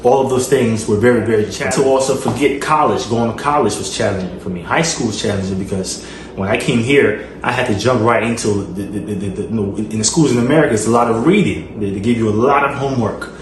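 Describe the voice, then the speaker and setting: A man's voice: on the low side, fast talker. A man from Liberia with a Liberian accent, hosting his channel and answering fan questions in an earnest way, with frequent fillers and repeated phrases. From Liberia, West Africa. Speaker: channel host. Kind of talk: casual Q&A vlog. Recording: echoey room with noise.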